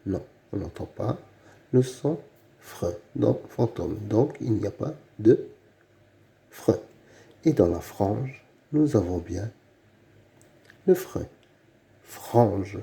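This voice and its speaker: Slow, deep-voiced man teaching reading. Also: lively intonation, warm tone. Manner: says each word slowly, then repeats it; asks the listener questions, patient and clear. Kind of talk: slow read-aloud phonics lesson for children.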